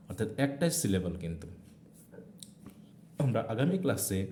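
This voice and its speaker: Male teacher, low and mellow, very animated delivery, echoey room. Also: slight background noise. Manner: animated teaching with rising check questions and stretched emphasis. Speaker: English teacher. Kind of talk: video class lecture.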